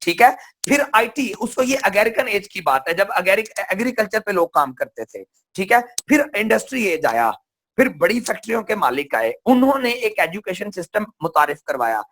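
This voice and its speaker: A man's voice: high-pitched, big pitch swings, normal speed, a bit bright. Man giving a rhetorical seminar talk. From Pakistan. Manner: rhetorical, repeats questions and answers them himself. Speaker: seminar speaker.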